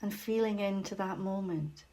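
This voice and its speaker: A female facilitator leads a guided meditation in a mid-range voice. She talks gently and slowly, with long silences, and her soft tone becomes breathy at the close of phrases.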